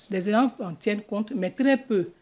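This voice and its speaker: Middle-aged woman, Ivorian French accent, husky mellow voice, guidance counselor on TV, desk mic. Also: mid-range voice. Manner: measured, explanatory, gestures with her hands. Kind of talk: studio TV interview. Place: TV news studio. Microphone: desk microphone.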